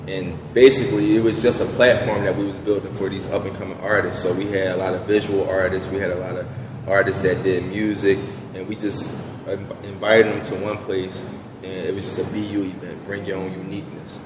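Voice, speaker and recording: A man's voice: sits low, little pitch movement, a little fast. A young man, answering interview questions in a laid-back way with many fillers. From Southwest Philadelphia. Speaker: business owner guest. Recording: echoey room with background noise.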